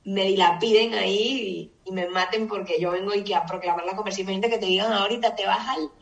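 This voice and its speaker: A woman teaching a Bible study group, retelling the story in a lively casual way and putting questions to the listeners. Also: mid-range voice, fast talker. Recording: echoey room, distant mic.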